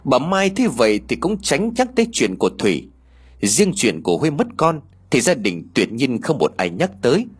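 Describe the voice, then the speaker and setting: A man narrating a ghost story audiobook with expressive, dramatic storytelling. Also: medium pitch, moderate pace, breathy edge.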